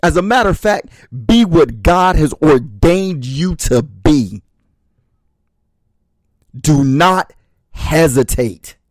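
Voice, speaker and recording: A man's voice: fairly high pitch, a little mellow, no echo. A man giving a motivational speech, talking straight to his listeners as brothers and sisters and hammering home short repeated refrains. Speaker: motivational speaker.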